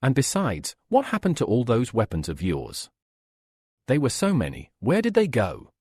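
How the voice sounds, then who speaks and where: Calm, teasing young captain in a recap reading, husky voice, dry sound, read by a man. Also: mid-range voice, moderate pace, dry recording.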